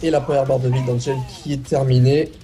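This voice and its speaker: A man giving live play-by-play commentary on a fighting game stream, breaking into long excited exclamations. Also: medium pitch, fairly quick, over music.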